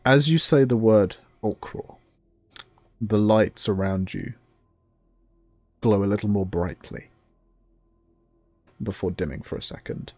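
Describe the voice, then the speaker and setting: A man narrating a tabletop role-playing game as game master, in a measured, descriptive way with pauses between phrases. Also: lowish voice, darkish tone, dry recording.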